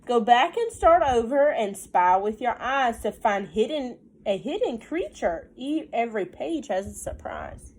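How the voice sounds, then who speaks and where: A high-voiced woman teacher from the Southern US reads a picture book aloud to children, sing-song while reading and folksy and conversational in her casual asides. She speaks a little slowly with few pauses, and there is a slight hiss or hum in the recording.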